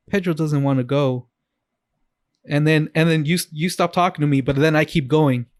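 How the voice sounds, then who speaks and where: Here a man with a slightly high, darkish voice co-hosts a podcast on a close mic with no echo. The chat is casual, and he keeps it playful and rambling, frequently talking over the others.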